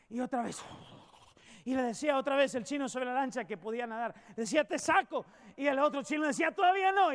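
A man preaching a sermon as a pastor, swinging from loud emphatic peaks to hushed storytelling. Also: high-pitched. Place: church sanctuary.

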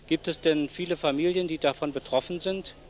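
Holding a handheld microphone, a middle-aged local TV host speaks politely and formally to his guest as they sit among plants in a senior citizens' centre. His voice is a little high and a little fast. It sounds like noisy old TV video.

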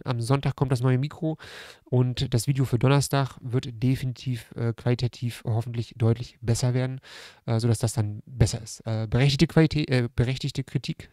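A man in his thirties hosts a casual livestream in a medium-pitched voice. It sounds squeezed and strangled, kept rather subdued. He speaks close to a desk microphone with very little room sound, reading out comments and replying informally. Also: darkish tone, dry recording. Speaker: livestream host. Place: room at home by a large window. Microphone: close desk microphone on a stand.

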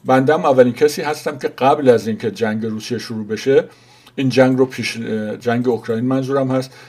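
Man, 60s, Iranian Persian accent. Mellow, even-toned news commentator, informal and halting, pausing to find words. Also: medium pitch, husky.

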